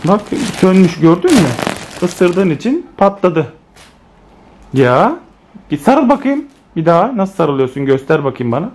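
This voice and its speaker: A woman's voice: on the low side, a little slow, slight background noise. A woman filming her children at home on a phone and chatting playfully to her viewers. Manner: animated, playful, teasing the child, addressing viewers as friends. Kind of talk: casual family vlog narration to viewers. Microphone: handheld phone camera.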